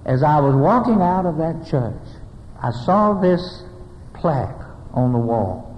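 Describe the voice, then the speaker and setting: An older man preaching a sermon, telling stories with deliberate pauses and ending in prayer. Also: on the high side, big pitch swings, slight background noise. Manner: storytelling preacher, dramatic pauses, closing prayer. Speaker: pastor. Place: church sanctuary. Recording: dull lo-fi recording with long church reverb.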